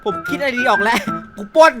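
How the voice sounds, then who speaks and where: A man giving playful, excitable gameplay commentary, laughing often and using crude slang. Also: very high voice, fast. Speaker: gaming YouTuber. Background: background music.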